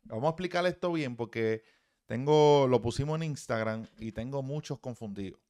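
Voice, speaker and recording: A man's voice: mid-range voice, moderate pace, warm tone. A man, a baseball hitting coach, giving blunt, profane, emphatic swing-analysis commentary.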